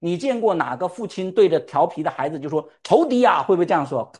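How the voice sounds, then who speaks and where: A man's voice: a little high, lively intonation, fast talker, a little mellow. A male pastor preaching a sermon. He fires rhetorical questions at the congregation and calls for amens. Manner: calls for "amen" responses.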